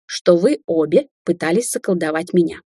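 A woman voicing a hurt, cold young man in an audiobook, speaking in a measured, chilly way. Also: on the low side, expressive, dark tone, husky, no echo, clean studio sound. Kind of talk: audiobook character voice.

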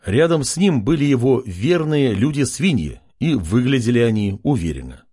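A man narrates a fantasy audiobook in a scripted, measured way. His voice is husky. His pitch moves lively through the sentences.

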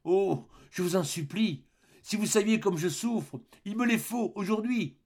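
A man's voice: fairly high pitch, expressive, slightly rough, voice pushed up. A man putting on a trembling, pleading young woman. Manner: trembling, begging, halting. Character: frightened pleading young woman under hypnosis. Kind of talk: audiobook character voice.

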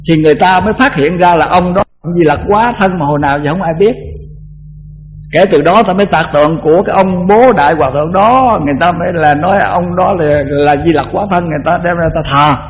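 An older man, a Buddhist monk, giving a conversational dharma talk that often repeats words and slows down to chant verses. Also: high-pitched, poor audio.

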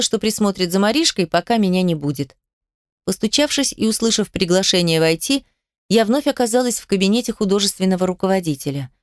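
A woman's voice: medium pitch, no echo, clean studio sound. Woman narrating an emotional audiobook. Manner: emotional, intimate storytelling. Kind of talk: first-person audiobook narration.

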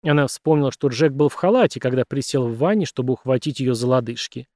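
A man's voice: mid-range voice, quick pace, mellow, dry recording, clean studio sound. A man narrating an audiobook thriller in a tense, dramatic storytelling manner.

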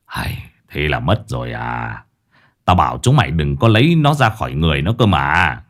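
A man voicing a gruff, curt older male exorcist cook who scolds his helpers. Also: extremely low pitch, sing-song, normal speed, a bit bright, pitched below the performer's own voice, exaggerated voice. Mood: gruff scolding.

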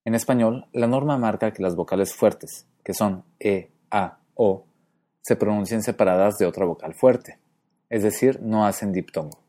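A man teaching pronunciation in a clear, methodical way, slowing down to demonstrate sounds. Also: lowish voice, warm tone. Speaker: Spanish phonetics teacher. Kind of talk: explanatory lesson narration.

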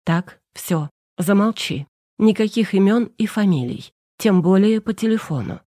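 Woman reader as a curt, brisk lawyer woman. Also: mid-range voice, animated, no room sound, studio quality. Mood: curt, tense. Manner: curt, commanding, hushed.

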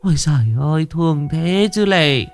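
A man's voice: on the high side, moderate pace, soft background music, voice pushed up, close to an everyday voice. Man doing a sighing village gossip woman. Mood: sympathetic.

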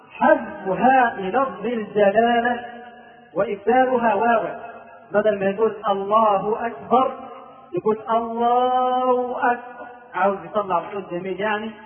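A man with an Egyptian accent teaching a religious lesson, explaining points and chanting drawn-out examples to demonstrate them. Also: sits high. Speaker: Islamic preacher. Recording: distant, echoey, phone-like old tape recording.

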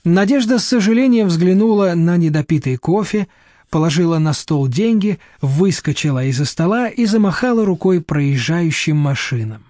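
A man narrates an audiobook in a steady, measured storytelling style, his voice sitting a little high. The scripted reading was captured in a clean studio with no echo.

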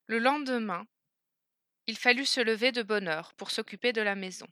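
A woman narrating a fairy tale in a clear, measured storytelling manner. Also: fairly high pitch, sharp tone, no room sound, clean studio sound.

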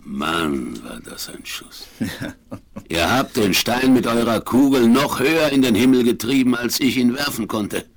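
An actor in a German radio play playing a gruff, vengeful frontiersman with a rough voice and hearty, old-fashioned talk. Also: medium pitch, lively intonation, a little slow. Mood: gruff, amazed. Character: gruff, vengeful frontiersman who hunts his enemies. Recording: 1970s vinyl radio play.

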